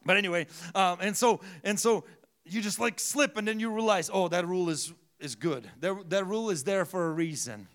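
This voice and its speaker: Preaching as a pastor, a man with a high-sitting, clear, resonant voice speaks at normal speed. He often restarts, his English is slightly broken, and he alternates loud, emphatic shouts with quiet moments.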